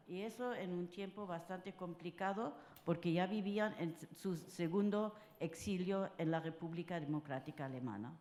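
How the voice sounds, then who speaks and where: An older woman from France speaking at a round-table panel, halting and full of filler sounds. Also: mid-range voice, darkish tone, a little hiss or hum. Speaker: conference panelist. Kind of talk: personal talk at a round table. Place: conference hall. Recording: roomy conference hall sound.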